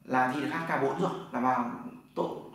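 A man's voice: medium pitch, fairly quick, fairly bright tone. A man teaching in a classroom. He explains step by step and keeps asking whether the class follows. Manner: explains step by step, often asks "right?" to check. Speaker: Chinese language teacher. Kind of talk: classroom lesson. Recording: echoey room from far off, faint noise.

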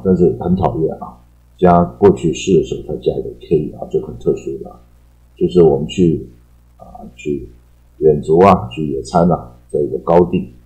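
Explaining English words in a casual class, this Taiwanese Mandarin-accented man pads his speech with long, drawn-out fillers and repetition. He has a very deep, warm voice, heard through poor audio.

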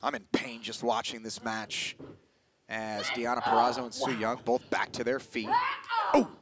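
A man's voice: mid-range voice, level tone, moderate pace. A man doing live play-by-play wrestling commentary. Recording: clear background noise.

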